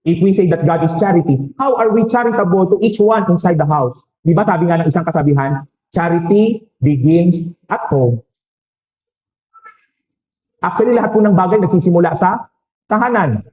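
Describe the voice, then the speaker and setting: High-voiced Filipino priest in a roomy church. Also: male voice, expressive, a little mellow, lo-fi sound, a little hiss or hum. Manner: preaching with rhetorical questions and quick jokes. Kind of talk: sermon.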